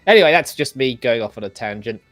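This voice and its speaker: A man's voice: medium pitch, lively intonation, fast, fairly bright tone, no echo, faint music behind. An English man hosting a casual livestream chat, rambling and self-deprecating with many restarts. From England. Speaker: host.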